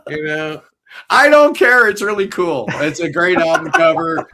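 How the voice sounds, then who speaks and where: A man's voice: a little high, unhurried, sharp tone, a little hiss or hum. A man hosting a casual podcast panel, talking enthusiastically and jokily with lots of fillers. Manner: enthusiastic, jokey, loose with fillers. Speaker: podcast host.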